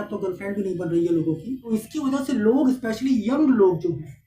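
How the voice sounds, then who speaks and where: A man vlogging in casual Hindi storytelling, talking straight to his viewers and retelling everyday quarrels. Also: sits high. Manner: chatty, addresses viewers directly, retells arguments. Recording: roomy echo, distant mic, faint ambient noise.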